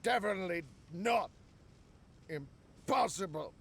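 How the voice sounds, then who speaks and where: A man's voice: high-pitched, lively intonation, unhurried, creaky, a bit bright, husky, heavily acted. An actor playing a drunk, crazed male researcher who giggles and rambles in an unhinged way. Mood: manic, cackling.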